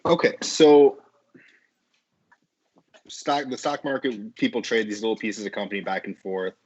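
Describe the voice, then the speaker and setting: Low husky guy chatting on a crackly call line thru earbuds, cuts in and out, muffled. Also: a little slow, darkish tone. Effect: choppy call audio that fades in and out through wireless earbuds. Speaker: podcast guest. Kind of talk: casual chat. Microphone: wireless earbuds on a remote call.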